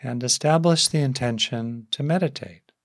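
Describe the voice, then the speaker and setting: A meditation teacher with a medium-pitched male voice guides a meditation gently and softly, in short phrases broken by long pauses. The sound is studio quality with no echo.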